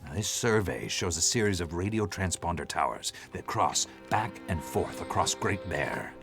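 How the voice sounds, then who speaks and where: A gruff old hermit in a video game, his very deep voice gravelly and rising and falling a lot as he lays out his plans. He talks in a measured, patient way, with game music playing behind him. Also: expressive, fairly bright tone. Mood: gruff, explaining.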